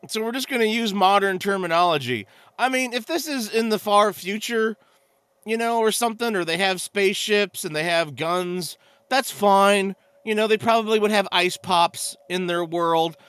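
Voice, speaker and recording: A man's voice: sits high, moderate pace, fairly bright tone, clean tone, dry recording. A man doing crude, sarcastic, exasperated video game commentary, swearing heavily as he rants. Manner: crude, profanity-laden, exasperated ranting. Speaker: game streamer, let's play host. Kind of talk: ranting game commentary with mocking voices.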